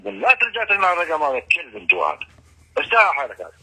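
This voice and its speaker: A man's voice: high voice, wildly swooping pitch, very fast, vocal fry, bright, forceful tone, a little hiss or hum, poor audio. A man with a Levantine Arabic accent in a casual phone conversation, talking bluntly and coarsely. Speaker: prank call target.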